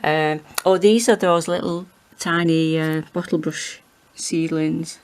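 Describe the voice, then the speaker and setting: A British woman in her forties chatting casually and hesitantly as she gives a rambling home gardening tour, with a monotone, self-deprecating manner. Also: low-pitched, slow. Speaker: gardening vlogger. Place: small home kitchen and windowsill, indoors.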